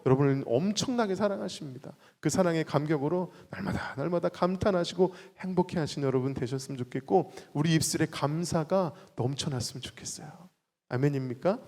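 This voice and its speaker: In a reverberant church hall, a worship leader preaches a lively, playful sermon, calling out to the congregation for call-and-response. His voice is a little high and a little fast with some vocal fry, and he animatedly exclaims and acts out little quotes.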